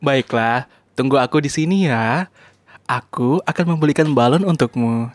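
A gentle young man's voice, low for the performer and soothing, comforting a crying child, as a woman plays him. It is a scripted radio dialogue for a language lesson. He speaks calmly and kindly throughout. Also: moderate pace, a little hiss or hum.

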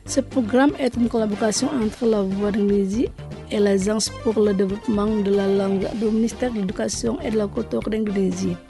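A woman hosting a scripted radio language lesson, speaking slowly and repeating each phrase twice. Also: medium pitch.

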